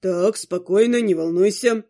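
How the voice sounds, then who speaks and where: A woman's voice: a little slow, dark tone, close to an everyday voice. A woman voicing a grumpy but caring male ghost monster in an audiobook, with curt, grumbling lines. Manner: curt, grumbling, low put-on voice. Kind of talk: audiobook character voice.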